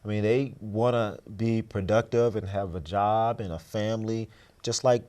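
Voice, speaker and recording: A man with a lowish, dark voice speaks at a normal pace with fairly even intonation. As an interview guest, he lays out his views in an emphatic, earnest, motivational manner, in conversational motivational talk.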